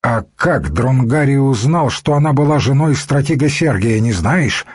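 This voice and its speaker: A man voicing a suspicious, wealthy fat man who grumbles gruffly in an audiobook. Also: medium pitch, expressive, normal speed, darkish tone, no echo, studio quality, voice pushed up.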